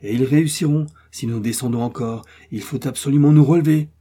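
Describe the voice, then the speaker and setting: A man's voice: medium pitch, fairly quick, warm tone, breathy edge, voice pushed up, lightly acted. A man voicing a bold scientist who leads a balloon voyage, giving urgent commands.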